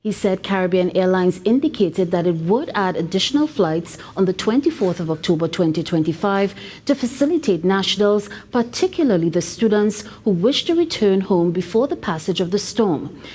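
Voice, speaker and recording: A woman reporter reading a news report in a measured, scripted way. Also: medium pitch, lively intonation, darkish tone.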